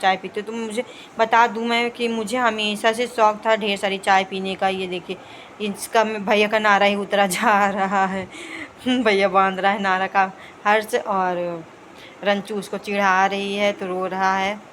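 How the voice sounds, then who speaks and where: A woman's voice: mid-range voice, level tone, a little slow, a bit bright, a little hiss or hum. A young woman narrating her home vlog in a casual, chatty running commentary on her family's daily routine. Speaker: vlogger.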